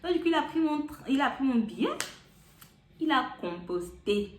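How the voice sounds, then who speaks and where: A woman's voice: high-pitched, very animated, normal speed. A young woman from Gabon, chatting casually as a vlogger and telling a story. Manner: chatty, repeats fillers like "donc, du coup" and "et tout". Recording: roomy sound with faint background noise.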